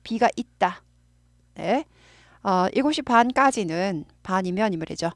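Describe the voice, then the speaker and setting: A woman's voice: mid-range voice, expressive, a little slow, no echo, clean studio sound. A woman with a Korean accent, an English teacher patiently explaining grammar and drilling pronunciation by repeating phrases.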